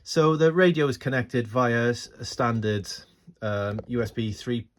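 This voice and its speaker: An amateur radio hobbyist speaks unhurriedly in a mid-range voice with fairly even intonation, casually thinking aloud and hesitating as he shows his screen and gear. He's filming with a handheld phone, and the recording is noisy.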